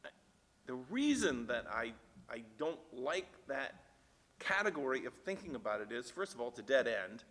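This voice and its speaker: A man leading a church Bible discussion, thinking aloud with halting restarts and growing animated when he reads the text aloud. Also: medium pitch. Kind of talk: casual discussion. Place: church meeting room. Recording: church room with long reverb.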